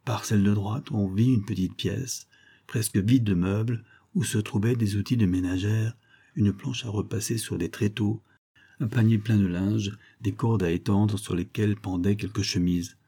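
A man narrates a literary text in measured phrases. His voice is low, dark and mellow, with a husky edge. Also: steady tone. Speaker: audiobook narrator.

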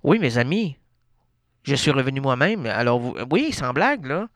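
A man's voice: mid-range voice, very animated, normal speed, dry recording, studio quality. A man with a Québécois accent hosting a radio show, rambling through an absurd monologue full of wordplay and fillers. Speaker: radio host. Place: radio studio.

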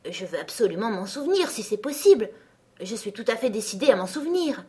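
A woman's voice: a little high, very animated, fairly quick, mellow. A woman voicing Alice, a curious, somewhat timid young girl, thinking aloud in a searching, puzzled way. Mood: earnest.

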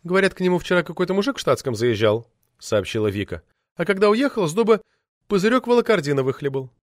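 A man reading an audiobook, voicing an excitable young actress who exclaims in a high voice. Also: quick pace, no echo, clean studio sound. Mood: excited.

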